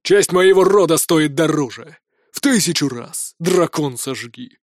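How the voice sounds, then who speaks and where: A domineering king and furious father, as an audiobook reader puts him on, booming and scolding in a fairly high male voice. The recording is dry and close, with no room sound at all. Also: animated, normal speed, darkish tone, no echo, natural voice. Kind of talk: audiobook character voice.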